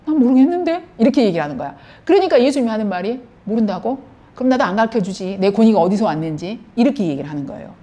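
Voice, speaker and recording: A middle-aged woman giving a Bible lecture, telling the story with lively acted-out dialogue. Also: on the high side. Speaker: counselor teaching on scripture.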